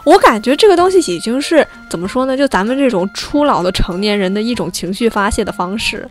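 A woman in her twenties co-hosting a podcast, chatting casually in a relaxed way. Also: fairly high pitch, quick pace, faint music behind. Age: 20s. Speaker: podcast co-host. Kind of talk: casual chat.

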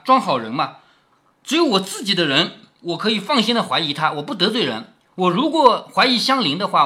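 A man reading a classic novel aloud to his daughter and stopping often to explain it, asking "right?" as he goes. His pitch rises and falls in a lively way, and his voice is bright and forceful. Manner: chatty, explanatory. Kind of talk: storytelling with commentary.

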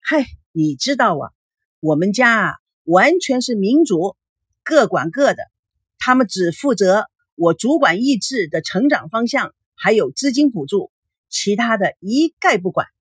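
女声演的神气活现的富家少爷. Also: female voice, medium pitch, big pitch swings, a little slow, breathy edge, no room sound, studio quality. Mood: boastful. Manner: swaggering, boastful. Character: cocky rich young man, insurance salesman.

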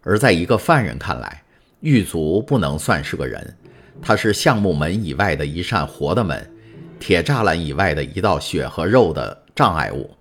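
Low-voiced male audiobook narrator. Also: very animated, moderate pace, breathy edge. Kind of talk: scripted novel narration.

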